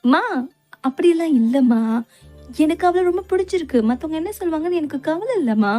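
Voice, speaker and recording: A woman's voice: very high-pitched, lively intonation, brisk, mellow, soft background music, voice pushed up. A woman voicing a lovesick young man who pleads with his mother in a dubbed comedy drama. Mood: pleading.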